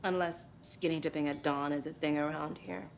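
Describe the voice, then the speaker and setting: A woman's voice: low-pitched, steady tone, moderate pace, vocal fry, a little hiss or hum. An actress playing a sardonic female true crime writer in a video game, speaking with dry wit. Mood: wry.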